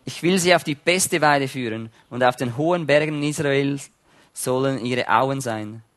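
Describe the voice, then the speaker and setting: A man preaching a sermon, reading scripture slowly and quietly and then explaining it in plain everyday words. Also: mid-range voice.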